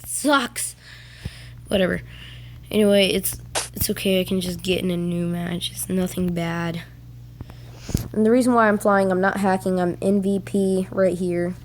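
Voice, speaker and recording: A young person telling a rambling school story while playing a game, acting out other people's lines in bursts. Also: female voice, fairly low pitch, level tone, normal speed, darkish tone. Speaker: gaming vlogger. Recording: noisy game capture with clicks.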